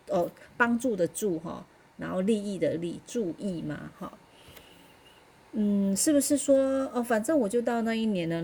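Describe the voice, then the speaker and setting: Woman podcast host, soft husky tone, mellow delivery, chatty and musing, faint music underneath. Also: fairly low pitch. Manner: musing, chatty, frequent hesitant fillers. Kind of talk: casual solo podcast talk.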